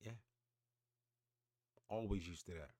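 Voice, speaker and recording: A man's voice: low-pitched, slow pace, warm tone, dry recording, studio quality. A man hosting a motivational podcast, preaching emphatically and calling on listeners to repeat after him. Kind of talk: motivational monologue.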